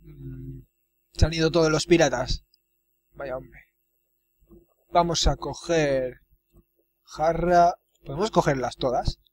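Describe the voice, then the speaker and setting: A man's voice: fairly high pitch, slow, pauses often, slight background noise. A man giving chatty let's play commentary and reading out game actions. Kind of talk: casual gameplay commentary.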